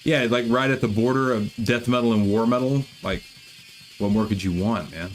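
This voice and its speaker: A man's voice: mid-range voice, normal speed, soft background music. A man hosting a casual livestream, chatting loosely about metal bands with lots of swearing and restarts. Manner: profane, rambling, self-deprecating. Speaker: livestream host.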